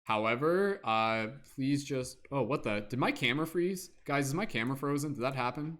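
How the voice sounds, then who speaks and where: A man's voice: mid-range voice, animated, normal speed, fairly bright tone. A man hosting a casual livestream as a tarot reader, chatty and upbeat, humming and scatting to himself between remarks. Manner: chatty, upbeat, hums and scats to himself while waiting. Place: in Canada.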